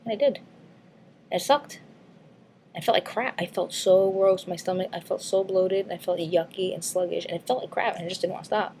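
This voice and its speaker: Rambling, frank woman vlogger, slightly low voice. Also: normal speed, a little mellow, slight background noise. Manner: rambling, frank, swears casually, lots of ums and likes. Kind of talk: casual weight-loss update vlog.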